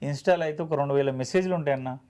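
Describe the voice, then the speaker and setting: Telangana guy in an interview, plain-spoken, heartfelt, a bit high-voiced. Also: racing, mellow. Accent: Telangana Telugu. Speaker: film actor guest. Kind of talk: emotional storytelling interview.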